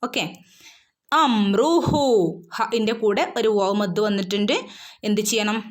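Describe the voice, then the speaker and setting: A woman's voice: mid-range voice, fairly even intonation, brisk. A woman teaching Quran recitation, patiently repeating each word and asking and answering her own questions. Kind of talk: recitation lesson, explaining and modelling verses.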